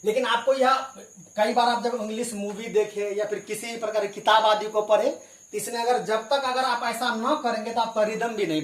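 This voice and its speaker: A high-pitched Hindi-speaking man teaches an English lesson aloud, patiently explaining and spelling words out one letter at a time while occasionally clearing his throat. The room is echoey, with crickets audible in the background.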